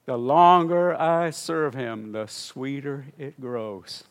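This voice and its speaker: A man's voice: medium pitch, slow pace. An older man, a missionary preacher, telling a story in a sermon and building to fervent exclamations.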